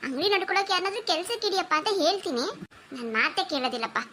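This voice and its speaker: A woman's voice: extremely high pitch, lively intonation, rapid-fire, bright, forceful tone, slight background noise, heavily acted. A woman voicing an older mother in a cartoon, chatty and complaining.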